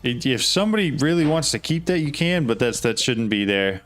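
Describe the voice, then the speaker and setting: A man streaming a game and talking to himself as he works, his voice at an ordinary middle pitch. He keeps asking quick, puzzled questions as he hunts for things. Faint game music plays behind him. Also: animated, a bit bright. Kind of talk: casual live gameplay talk.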